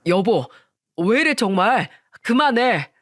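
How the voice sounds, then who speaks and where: A woman's voice: fairly high pitch, big pitch swings, takes it slowly, no room sound, clean studio sound, full character voice. A woman voicing a stern husband who scolds his younger brother in a narrated story. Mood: pleading. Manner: scolding, shouting. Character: angry older brother, a husband, stern man.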